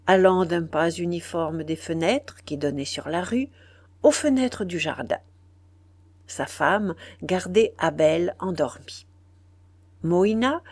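A woman narrating a classic novel as an audiobook, in a measured, unhurried storytelling manner. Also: lowish voice, darkish tone, dry recording.

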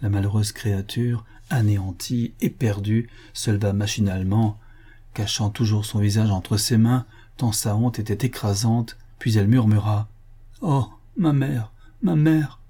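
Guy reading a novel aloud, mellow dark voice, bit husky. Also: fairly low pitch, level tone, moderate pace. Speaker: narrator. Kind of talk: audiobook narration of a novel.

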